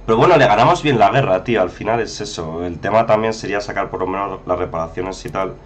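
A man's voice: low voice, fast. A man giving chatty, casual commentary over a strategy game, often exclaiming and talking to viewers. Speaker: gameplay commentator.

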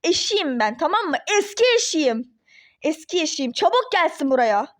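A woman voicing a furious young ex-wife in a toy-game role-play drama, shouting threats and cursing. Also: sits high, sing-song, normal speed. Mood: demanding.

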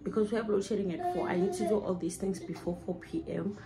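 A woman's voice: mid-range voice, sing-song, fast. A young woman, chatting casually to the camera at home while doing chores. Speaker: vlogger and mother. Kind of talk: casual home vlog chat.

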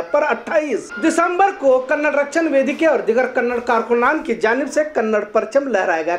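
A woman with a high, light voice reads a scripted news commentary. She sounds earnest and moralizing as she editorializes, keeping a steady presenter's delivery.

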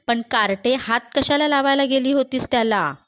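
A woman voicing a sharp-tongued but loving old grandmother who scolds her granddaughter in a raised voice. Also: mid-range voice, measured pace, lightly acted. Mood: scolding.

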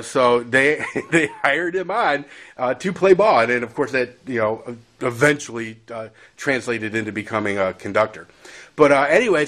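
A man telling a casual story about his railroad days, rambling and chuckling with conversational asides. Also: medium pitch. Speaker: former railroad crew storyteller. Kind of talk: casual spoken anecdote.

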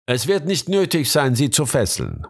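A man's voice: medium pitch, huge pitch swings, moderate pace, gravelly, breathy edge, full character voice. A man voicing a proud, commanding police prefect in a storybook reading, barking orders. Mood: triumphant.

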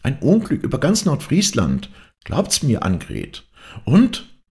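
A breathless young farm maid spilling rumors in a storybook reading, as a man puts her on. Her voice rides well above the reader's own, swinging widely with eager, fearful gossip, and keeps a gravelly grain. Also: medium pitch, wildly swooping pitch, moderate pace, a little mellow, pitched above the performer's own voice.

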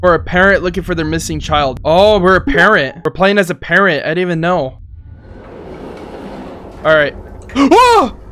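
Higher-pitched young man doing jittery gaming commentary. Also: moderate pace, pauses often, sharp tone, slight background noise. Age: young adult. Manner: jittery, exclamatory, thinking aloud. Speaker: gaming video host. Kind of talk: casual let's-play commentary. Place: small indoor gaming setup.

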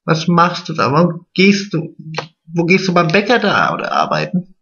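A man's voice: fairly high pitch, wildly swooping pitch, normal speed, a bit bright, highs cut off, heavily acted. A man playing a vain, chatty, naive middle-aged woman in a drag comedy monologue, stretching his words. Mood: gossipy.

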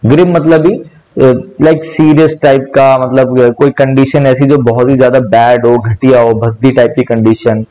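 A man's voice: mid-range voice, flat delivery, moderate pace, mellow, poor audio. A young man teaching a vocabulary class online, explaining word meanings with repetition and spelling words out letter by letter. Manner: mixes English words into speech.

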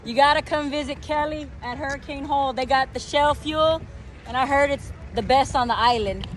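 A woman's voice: high-pitched, normal speed. A woman hosting a travel vlog outdoors, chatting upbeat to her viewers and calling them y'all, recorded on an action camera or phone. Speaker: travel vlogger and host. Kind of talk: casual vlog narration to viewers. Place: outdoors at a marina and riding a jet ski on open water. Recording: background music under the voice. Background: music.

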